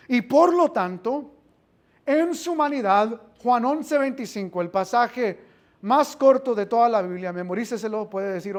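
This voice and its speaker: Slow, questioning Bible class teacher. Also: medium pitch. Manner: quizzes the listeners with questions and repeats phrases; mixes in English filler words.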